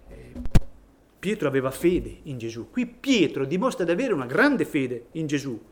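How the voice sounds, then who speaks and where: A man's voice: fairly high pitch, very animated, normal speed, slight background noise. A man preaching a sermon in a church, reading scripture and rising to emphatic peaks on key phrases.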